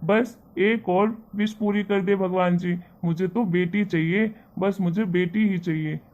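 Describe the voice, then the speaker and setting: A man voicing a kind, earnest young husband and son in an animated family story. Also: high voice, a little slow, highs cut off. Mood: warm. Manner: earnest, persuasive.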